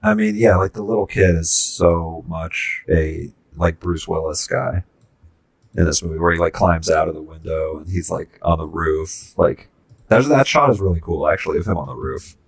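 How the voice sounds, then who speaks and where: A man's voice: sits low, vocal fry, slightly rough. A man co-hosting a casual film podcast, rambling through his points with many restarts. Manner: rambling, halting, many fillers. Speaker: podcast co-host.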